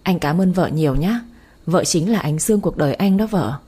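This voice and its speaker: A flattering, idle young husband coaxes money from his wife in a soft-edged, husky voice, as a woman reads him out. The tone sits low and mellow, easy and wheedling. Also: normal speed. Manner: coaxing, flattering. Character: middle-aged man, smooth-talking lazy son-in-law.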